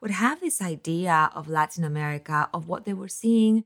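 Low-voiced woman podcast host. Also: normal speed. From Spain. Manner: talkative, rambling with restarts. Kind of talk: conversational podcast interview.

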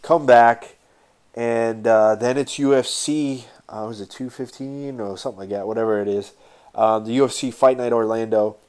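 A man's voice: medium pitch, fairly even intonation, moderate pace, a little mellow, clear, resonant tone. A man hosting a podcast solo in casual talk, sounding congested with a stuffed-up nose and breathing through his mouth. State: stuffed-up nose, getting over a sinus infection. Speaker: podcast host.

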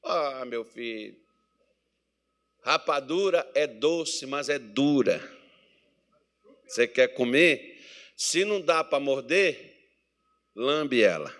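A Brazilian man preaching a sermon as pastor, swinging between loud exhortation and quiet asides, acting out little dialogues. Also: mid-range voice, animated, slow, long pauses. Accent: Brazilian Portuguese. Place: church meeting hall.

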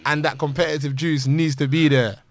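A man's voice: fairly high pitch, fairly even intonation, a little fast. A man with a London roadman accent, chatting casually in street slang and repeating phrases for emphasis. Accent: London roadman, multicultural street slang. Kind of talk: casual group chat about music.

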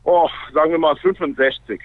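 A man's voice: a little high, steady tone, fairly quick. A man from Canada, a native English speaker, talks casually in fluent German with an American accent and small grammar slips, as a guest in a radio interview. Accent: North American. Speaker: interview guest, baseball player. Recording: narrow, phone-like radio sound.

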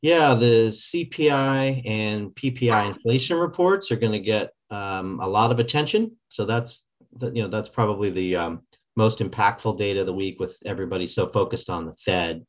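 A man with a fairly low voice speaks as an analyst in conversation. He is measured and hesitant, feeling his way through his commentary. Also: expressive. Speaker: market analyst, podcast regular.

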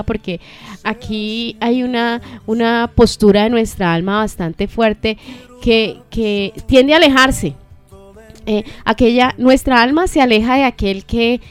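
Earnest woman teaching faith, soft music behind. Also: fairly high pitch, smooth. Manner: measured, earnest, many rhetorical questions and restarts. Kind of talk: reflective faith teaching in conversation.

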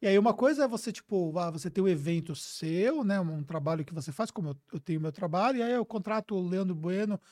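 Relaxed male interviewer, dry sound. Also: sits high, fast, hardly any pauses, no echo. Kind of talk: casual interview talk.

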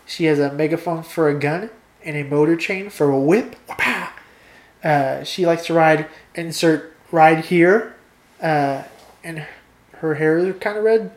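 A young woman chatting casually with a friend and reading out a story she wrote, playful and quick to laugh. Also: low voice, darkish tone, echoey room. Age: young adult. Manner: playful, laughs easily, reads a story aloud. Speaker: co-host.

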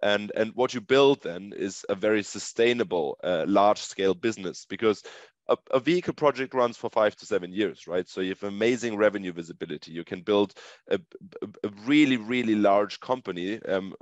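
A man's voice: fairly low pitch, brisk. A man, a startup co-founder, answering interview questions conversationally in an explanatory way, often checking in with "right?". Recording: muffled lo-fi audio, echoey room.

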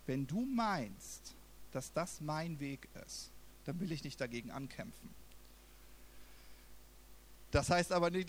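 A young male pastor preaches with lively storytelling, voicing the people in his story and swinging from quiet to loud. His voice sits a bit high for a man. A faint hum and hiss run under the recording. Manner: animated storytelling, acting out quotes with big swings in loudness. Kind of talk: sermon.

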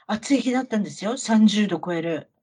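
A woman's voice: medium pitch, fairly quick, breathy edge. A middle-aged woman with a Kansai Japanese accent, telling anecdotes in casual chat like a talkative auntie, often throwing questions to the listener. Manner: chatty, animated Kansai auntie storytelling with rhetorical questions. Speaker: podcast co-host telling travel stories.

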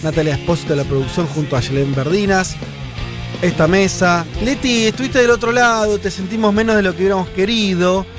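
A man's voice: high voice, fairly quick, over music. A man with a Rioplatense Spanish accent hosting a radio show in casual, joking chat, reading listener messages aloud.

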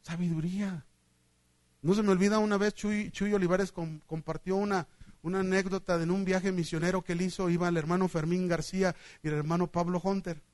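A middle-aged man with a Mexican accent preaching a sermon, telling stories in an animated way and acting out the voices of the people in them, going from loud to hushed. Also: sits high, brisk, no room sound. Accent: Mexican Spanish.

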